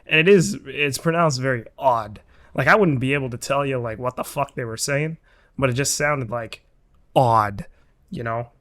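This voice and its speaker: A man chatting loosely on a podcast, piling up fillers and false starts and swearing freely as he rambles. His voice sits at an ordinary middle pitch. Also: normal speed, a bit bright. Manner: rambling, swears a lot, many fillers and restarts. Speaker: podcast co-host. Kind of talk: casual chat.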